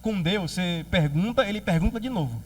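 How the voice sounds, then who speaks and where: Man, Brazilian Portuguese accent, pastor, lively joking sermon, distant mic. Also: sits high, brisk. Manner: lively, joking, acts out quoted voices.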